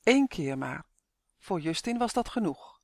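A reader narrating a children's book in a calm, even storytelling manner. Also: mid-range voice, unhurried, creaky, no room sound, studio quality. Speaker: audiobook reader.

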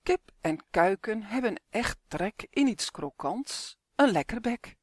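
A woman reading her own rhyming children's story aloud in a lively sing-song storytelling manner. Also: mid-range voice, slow, no room sound, clean studio sound. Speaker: author and reader. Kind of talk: storybook narration.

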